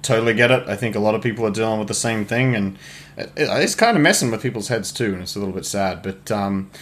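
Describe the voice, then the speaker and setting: Man, podcast host, lowish voice, easygoing chatty interviewer. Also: lively intonation, fast, fairly bright tone. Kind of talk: casual interview.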